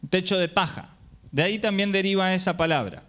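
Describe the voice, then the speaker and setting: Briskly and in a high, fairly bright voice, a man gives a sermon to a gathered congregation. He explains patiently while checking in with rhetorical questions.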